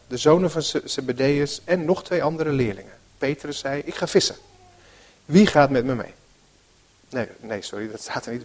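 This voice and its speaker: A man preaching a sermon and reading from the Bible in a conversational way, often pausing with fillers and correcting himself. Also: a little high, a little mellow.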